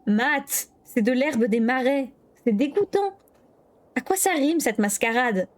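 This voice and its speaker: Exasperated young woman scolding a child, her voice lifted a bit higher than usual, as a woman reading aloud puts her on. She sounds reproachful but caring. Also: expressive, a little slow.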